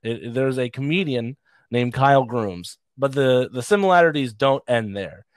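A man's voice: mid-range voice, expressive, moderate pace, no room sound. A man, a comedian, chatting casually on a podcast with a mid-range voice. He rambles through self-deprecating stories and laughs at his own punchlines. The sound is dry and close. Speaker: comedian guest.

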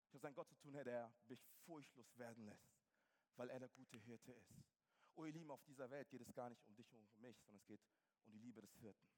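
A man preaching a sermon as pastor, swinging between loud fervent passages and soft hushed ones, with English interjections like "hey" and "come on". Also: mid-range voice, fast.

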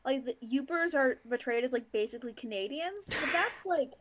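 A woman's voice: high voice, lively intonation, moderate pace. A woman from Michigan's Upper Peninsula with an Upper Midwest accent, co-hosting a casual chat and saying "like" a lot. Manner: frequent "like" fillers, laughs often. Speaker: podcast co-host.

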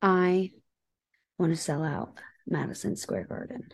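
Gravelly, low-pitched American woman. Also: a little slow. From United States. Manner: earnest, reflective, heavy use of "like" and "you know". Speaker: interview guest, singer-songwriter. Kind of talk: casual conversational interview.

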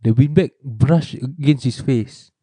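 A man's voice: mid-range voice, a little slow, dark tone, breathy edge, no echo. A man, co-hosting a podcast in a giggly, playful way. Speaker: podcast co-host. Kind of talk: casual podcast banter.

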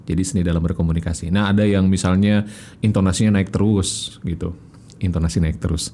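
A man, a guest explaining communication in a casual chat, animated and fond of acting out examples. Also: low-pitched, fairly quick, slight background noise.

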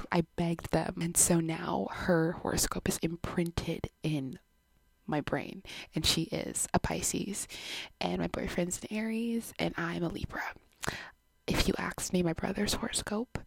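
A Canadian woman in her twenties hosts her own podcast, chatting casually in a giggly, self-deprecating way. Her voice is fairly low, husky, and has vocal fry, recorded at home on her own microphone with no echo.

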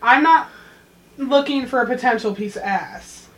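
A woman's voice: high-pitched, normal speed, reverberant, background noise. A woman in her thirties in casual chat, telling stories and laughing as she talks. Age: 30s. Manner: storytelling, laughs through her words.

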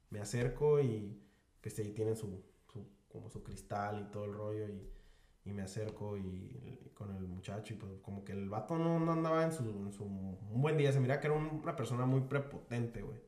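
A podcast host with a slightly nasal Mexican Spanish accent casually tells a slang-filled story, animated and peppering his speech with "güey." His voice sits lowish and sounds reverberant.

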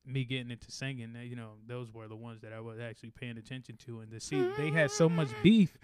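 A man's voice: mid-range voice, steady tone, quick pace, crowd noise. A man co-hosting a casual podcast chat, talking loosely with restarts and laughing often. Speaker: podcast co-host.

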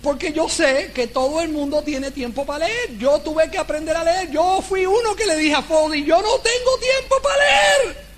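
Very high-voiced motivational speaker. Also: male voice, moderate pace, hardly any pauses, a little hiss or hum. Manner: animated storyteller who acts out dialogues. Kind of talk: motivational talk to a live audience.

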